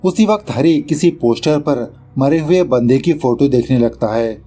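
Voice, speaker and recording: Soft background music plays as a man recounts a movie's plot in a casual, chatty way, mixing in English words and ridiculing the director. His medium-pitched voice is mellow and slightly rough, animated but measured in pace.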